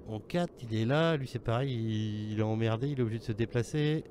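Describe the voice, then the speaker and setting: A man's voice: on the low side, a little fast, darkish tone, a little hiss or hum. A man running an online tabletop game as game master, casual and teasing, swearing freely. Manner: casual, swears, teases players.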